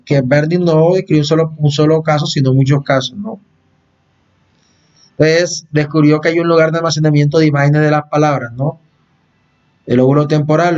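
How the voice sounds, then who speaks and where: A man teaches a class in a fairly high voice. He repeats himself and keeps checking that his listeners follow. The recording sounds muffled and low-fidelity. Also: a little mellow. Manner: explains patiently, repeats phrases and checks in with "¿no?". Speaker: lecturer. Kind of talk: recorded lecture on language. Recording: dull, lo-fi recording.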